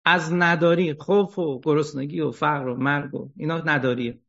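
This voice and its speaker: A man giving an ethics lecture, animated, asking rhetorical questions and joking wryly. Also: a little high, gravelly. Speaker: religious lecturer. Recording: dull lo-fi recording.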